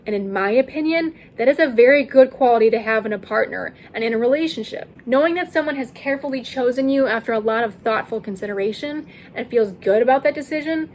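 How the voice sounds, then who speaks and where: A woman giving a scripted commentary as a video host, projecting her voice to be heard over heavy rain. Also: fairly high pitch. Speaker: video host and channel creator. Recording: clear rain noise behind voice. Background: rain falling overhead.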